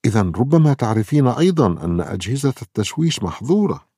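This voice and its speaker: A sharp, knowing woman truck driver in a children's story, voiced by a man a few steps above his usual pitch. She speaks plainly and with authority. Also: big pitch swings, fast talker, husky, dry recording, studio quality.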